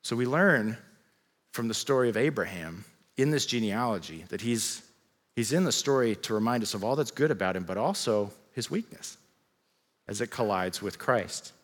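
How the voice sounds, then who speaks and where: A man's voice: lowish voice, expressive, normal speed. A man preaching a sermon, conversational and humorous, asking the congregation rhetorical questions. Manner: father of children. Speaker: pastor. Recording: long reverb of a large hall.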